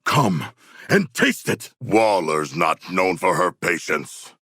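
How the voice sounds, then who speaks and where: A man playing a huge, earnest humanoid shark warrior in a video game, with a gravelly, husky voice and stilted, grandiose formal diction. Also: low voice, very animated, slow pace, fairly bright tone, dry recording, studio quality, full character voice. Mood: battle-eager, forceful. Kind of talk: video game character voice lines.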